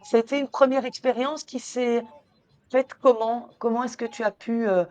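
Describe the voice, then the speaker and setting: A woman hosting a conversational podcast interview, phrasing her questions hesitantly with frequent pauses. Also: on the high side, steady tone, dark tone. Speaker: podcast host.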